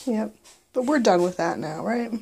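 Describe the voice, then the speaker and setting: Creaky-voiced woman, soothing and brief. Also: medium pitch, expressive, moderate pace, mellow. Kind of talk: casual chat.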